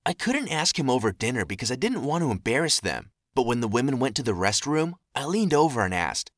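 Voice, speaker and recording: A young man narrating a scripted animated story and voicing the people he quotes. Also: mid-range voice, a little fast, no echo, studio quality.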